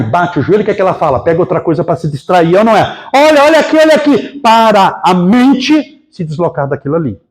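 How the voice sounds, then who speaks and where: A Brazilian man preaching to a spiritist gathering, his voice sitting high and swooping up and down as he tells a story. He acts out the people in it and keeps asking his listeners to agree with him. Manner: storytelling, animated, acts out quotes, asks the audience. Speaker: spiritist lecturer. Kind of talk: sermon.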